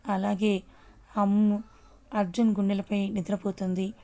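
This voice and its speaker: A woman's voice: mid-range voice, flat delivery, a little slow, dark tone. A woman with a Telugu accent reading a serialized story aloud, voicing every character's lines in her own voice.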